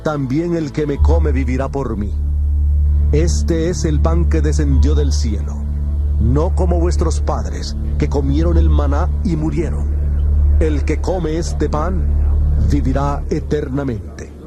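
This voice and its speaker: Jesus as a calm, solemn teacher, his voice sitting a little high for a man. He speaks each line slowly and with great weight, as in a dramatized audio Bible. Music plays softly behind him. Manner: measured, solemn, declamatory. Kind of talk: dramatized scripture reading. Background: background music.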